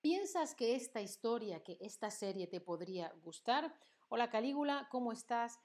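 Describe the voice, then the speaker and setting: With lively intonation, a slightly high, darkish voice and a moderate pace, a young woman from Andalusia teaches Spanish on a live stream. Her accent is neutral and standard, and she chats with viewers, asks questions and reads the chat aloud.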